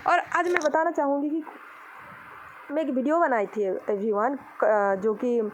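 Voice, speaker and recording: Young woman from odisha venting on her vlog outside, high voice, scolding and preachy, faint noise behind. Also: fairly even intonation, measured pace, rough recording. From Odisha, India. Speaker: vlogger. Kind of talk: impassioned vlog monologue. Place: outdoors.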